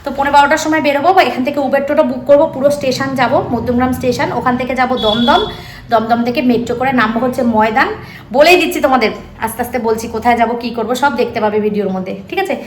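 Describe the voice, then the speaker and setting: A woman's voice: sits high, rapid-fire, slight background noise. A middle-aged woman from West Bengal with a Kolkata Bengali accent, chatting casually to her viewers in a home vlog from her kitchen, repeating herself often. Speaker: vlogger.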